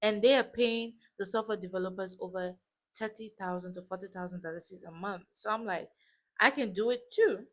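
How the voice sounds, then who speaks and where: A West African woman in her twenties, a native French speaker with a West African accent, tells a personal story on her YouTube vlog. She's chatty and informal, throwing in emphatic asides and checking in with viewers. Her voice is mid-range and her pace normal.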